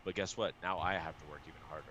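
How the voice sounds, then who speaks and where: A man, a poker streamer and coach, chatting casually and excitedly, swearing often and restarting his sentences. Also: extremely low pitch, racing, noisy background. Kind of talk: casual show chat.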